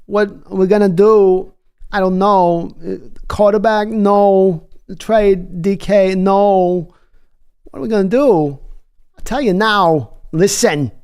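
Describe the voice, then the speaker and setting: A man's voice: high voice, slow pace, a little mellow, clear, resonant tone, voice pushed up. A man putting on the voice of a blunt male football pundit who talks in short, clipped, emphatic phrases. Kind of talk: mock impression in a sports livestream.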